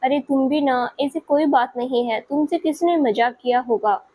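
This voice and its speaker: A woman's voice: high voice, moderate pace, mellow. Soothing caring auntie, as a woman narrator puts her on. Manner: soothing, affectionate. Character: caring household aunt, grown woman.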